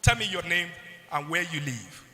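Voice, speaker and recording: A man's voice: a little high, very animated, moderate pace, pushed and bright. A Nigerian man speaking at a conference, asking the audience rhetorical questions and waiting for them to call back the answer. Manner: rhetorical, keeps asking "what?" for the crowd to answer. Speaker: public health speaker at a youth conference. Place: large conference hall. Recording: hall reverb.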